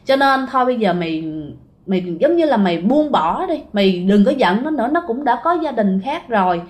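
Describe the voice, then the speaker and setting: A woman's voice: a little high, expressive, brisk, darkish tone, lightly acted. A woman voicing an elderly grandmother who earnestly implores her dead son's spirit, speaking with a Southern Vietnamese accent. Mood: pleading.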